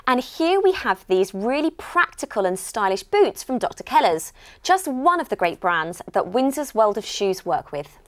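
British woman demoing products on tv, slightly high voice, super animated, scripted. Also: moderate pace, no echo. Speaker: shopping channel presenter. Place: TV studio lounge set.

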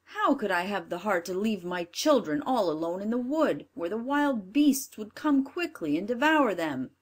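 A woman's voice: mid-range voice, sing-song, moderate pace. A woman voicing a poor, sorrowful woodcutter father in a storybook reading, pleading and anxious. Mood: refusing.

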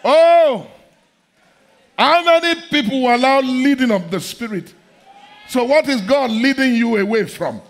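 A middle-aged man preaching a sermon in a large church hall, fervent and repetitive, often breaking into shouts. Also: very high-pitched, unhurried, long pauses.

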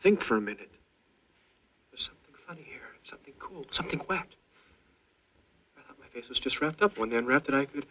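An actor playing a young soldier's halting, stammering inner monologue that swings between hushed dread and panic. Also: male voice, medium pitch, animated, lo-fi sound. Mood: uneasy. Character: young male soldier, maimed, trapped and frightened. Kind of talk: film voice-over inner monologue.

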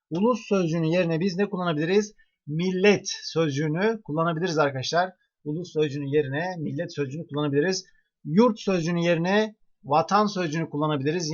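A male teacher giving an online grammar lesson, explaining step by step and asking the class rhetorical questions. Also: on the high side. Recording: dull lo-fi recording.

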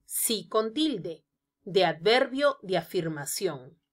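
A woman narrating a scripted grammar lesson, explaining each example slowly and deliberately. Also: mid-range voice, very animated. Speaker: teacher.

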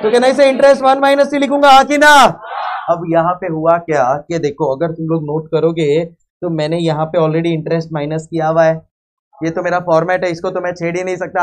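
A man with an Indian accent teaching accounting to a live class, loud and emphatic, constantly asking the students check questions and mixing English phrases into his talk. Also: high voice. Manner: mixes English phrases into Hindi; loud and emphatic, sometimes calling out. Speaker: accounting lecturer. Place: lecture hall with a live class.

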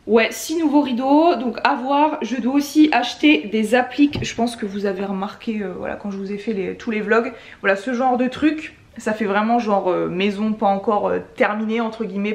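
A woman's voice: fairly high pitch, darkish tone. A woman in her twenties with a slightly sleepy voice, chatting casually as a vlogger. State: sleepy, just woke up. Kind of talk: casual vlog chat. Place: living room at home. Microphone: camera at arm's length.

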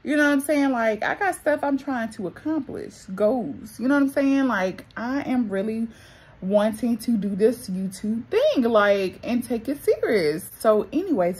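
Young woman, casual vlogger, husky tone, retainers making her speech slightly muffled. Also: a little high, big pitch swings, a little slow, a little mellow. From North Carolina, USA. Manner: chatty, addresses viewers as y'all and girl. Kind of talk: casual vlog chat.

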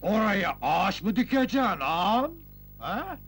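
A man's voice: high-pitched, very animated, a bit bright, husky, full character voice. An actor playing a dim-witted, giggling henchman in an old Turkish film. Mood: dopey. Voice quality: giggling, slow, dopey. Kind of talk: 1980s Turkish film acting.

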